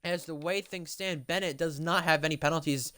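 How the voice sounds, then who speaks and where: A man's voice: fairly high pitch, steady tone, a little fast, pushed and bright, a little hiss or hum. A man commentating live on sim racing, calling the action play by play as a motorsport commentator.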